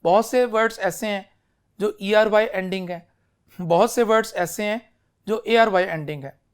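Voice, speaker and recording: A man's voice: high voice, smooth. A man teaching an English spelling lesson. He mixes Urdu and English, calls his students "beta" and keeps checking whether they follow. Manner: slow, deliberate explaining with many spelling examples. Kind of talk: classroom lecture mixing Urdu and English.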